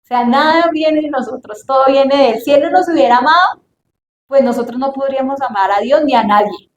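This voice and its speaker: Woman preacher, high voice, earnest Bible teaching, echoey room with faint noise. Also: a little fast, dull audio. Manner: earnest, acts out prayers in a hushed voice.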